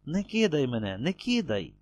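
A man voicing a young village woman, an anxious and loving daughter, speaking in soft, tender pleas. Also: fairly high pitch, sing-song, normal speed, dry recording, studio quality. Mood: pleading.

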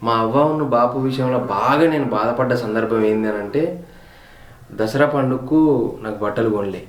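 A man's voice: medium pitch, normal speed, roomy sound. Heartfelt man with a Telangana accent. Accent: Telangana Telugu. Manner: heartfelt, reflective, repeats words for emphasis. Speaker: vlogger telling his family story. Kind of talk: personal storytelling on a home tour.

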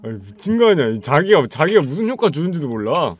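A man hosting a gaming stream, commenting loudly and excitedly and yelling at his friends as they play. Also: on the high side, quick pace, faint music behind. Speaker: streamer host.

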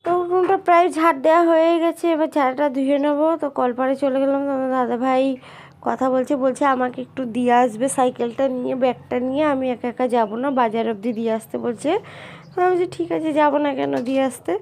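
A young woman with a cold, her voice hoarse and heavy, narrates her day to viewers in a casual vlog. She speaks softly and a little downcast, and her pitch sits high. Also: steady tone, fast. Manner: soft, subdued voice addressing viewers. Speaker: vlogger.

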